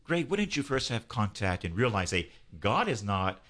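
A man's voice: fairly low pitch, very animated, normal speed, fairly bright tone. A man, a priest, hosting an interview, leading a prayer and speaking with fervent, preaching emphasis. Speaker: priest and host.

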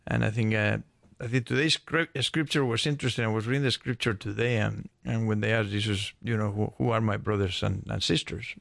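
A man in his sixties from Spain with a Spanish accent, a radio guest talking in a halting way, searching for words and restarting. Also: on the low side, steady tone, vocal fry, fairly bright tone, dry recording. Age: 60s. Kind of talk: casual radio conversation.

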